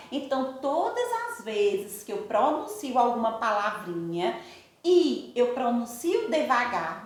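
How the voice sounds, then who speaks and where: A Brazilian woman teacher leads a recorded lesson for young children, her high voice rising and falling a great deal. She speaks slowly and affectionately in a sing-song way. The recording is very echoey, as if made in a bare room. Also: bright, forceful tone. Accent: Brazilian Portuguese. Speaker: primary school teacher.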